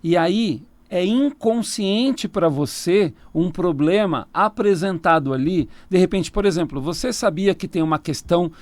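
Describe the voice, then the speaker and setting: A man's voice: high-pitched, lively intonation, unhurried, hardly any pauses, no room sound. A man with a Brazilian Portuguese accent, a tarot reader talking casually as a radio interview guest, explaining at length and laughing easily. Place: radio studio.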